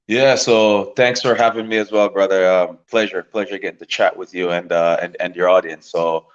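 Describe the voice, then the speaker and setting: Deep-voiced man in his thirties, lo-fi. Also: normal speed, clear, resonant tone. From Jamaica. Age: 30s. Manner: relaxed, rambling with many fillers and repeated words. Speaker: professional soccer player, guest. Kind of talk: casual interview talk.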